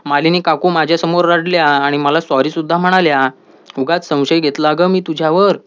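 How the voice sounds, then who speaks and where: Firm, sensible young woman, man reading; higher voice, lo-fi audio. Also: steady tone, brisk, a bit bright, clean tone, close to an everyday voice. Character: young woman, level-headed, protective. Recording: dull lo-fi audio.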